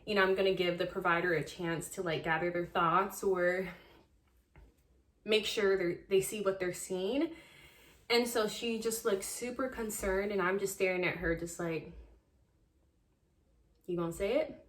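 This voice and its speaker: A young woman tells a personal story in a loose, conversational way, leaning on fillers as she goes. Her voice sits at an ordinary pitch, and the room around her rings with echo. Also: fairly even intonation, unhurried, pauses often. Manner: chatty, heavy use of "like" and "um". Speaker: vlogger. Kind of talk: casual storytelling to camera. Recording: echoey room.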